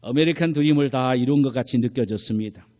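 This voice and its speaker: A male pastor preaching a sermon, telling stories with swings from hushed near-whispers to loud exclamations. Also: mid-range voice, fast talker. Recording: long church hall reverb.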